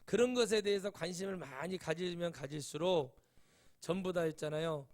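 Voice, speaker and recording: A man's voice: sits high, moderate pace, a little mellow. A middle-aged male pastor giving a sermon, telling chatty stories and rising to emphatic exclamations. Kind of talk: sermon with anecdotes.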